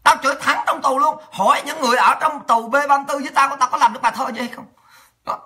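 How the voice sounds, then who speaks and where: A woman's voice: high voice, quick pace, bright, forceful tone. A woman delivering an angry, profane, taunting rant as a political vlogger. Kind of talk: ranting monologue.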